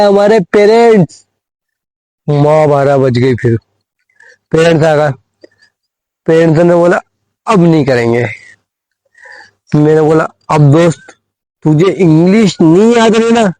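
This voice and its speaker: A man's voice: a little high, lively intonation, unhurried, pauses often, mellow, no room sound, poor audio. A young man telling a school story on a phone in a casual comic vlog, rambling with many fillers and repeated phrases. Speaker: vlogger.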